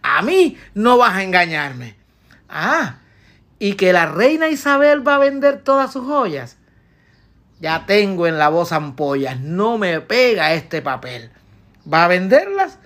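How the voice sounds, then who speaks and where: A woman voicing a jealous wife who scolds her husband in shrill, sarcastic rhymed verse for a comic piece. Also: sing-song, takes it slowly, a bit bright, exaggerated voice. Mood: furious.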